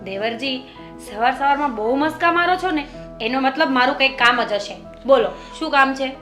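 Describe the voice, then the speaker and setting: An actress playing a sharp-tongued young sister-in-law who retorts indignantly. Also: female voice, high-pitched, moderate pace, roomy sound, soft background music. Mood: teasing.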